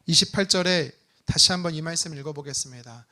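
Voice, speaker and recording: A man's voice: fairly high pitch, quick pace. A male pastor preaching a Sunday sermon, telling a personal story with acted-out prayers. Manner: animated storytelling with prayer re-enactments.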